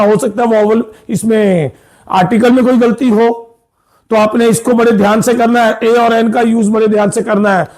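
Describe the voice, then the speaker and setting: A man's voice: extremely high pitch, a little mellow. A man teaching English grammar to school students, explaining patiently, repeating points and often checking that they follow. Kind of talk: classroom grammar lesson.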